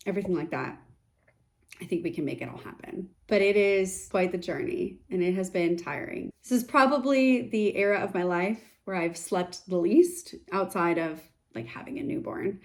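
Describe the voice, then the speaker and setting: Chatty woman vlogger, reflective and open. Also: medium pitch. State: sick, congested voice. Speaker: vlogger, startup founder. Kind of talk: casual to-camera vlog.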